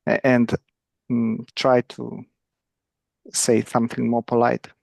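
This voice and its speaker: Chatting slowly in careful english, lots of creak in the voice. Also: mid-range voice, completely flat delivery, a little mellow, no room sound. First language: Russian. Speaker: English club participant. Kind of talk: halting conversational second-language speech.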